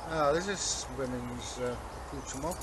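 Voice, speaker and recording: A man's voice: medium pitch, moderate pace. An older man, explaining things in a casual show-and-tell manner. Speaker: co-host, Viking re-enactor. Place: outdoors in a leafy garden. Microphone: camera a few metres away. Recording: outdoor noise, birds and distant traffic.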